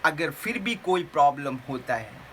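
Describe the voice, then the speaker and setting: A woman with a deep, sing-song voice speaks at a moderate pace, her tone a bit bright, on a low-quality recording with a little hiss or hum. She is an English teacher who runs a tutoring organization, giving an earnest video lesson full of tips. She repeats her points and corrects herself as she goes.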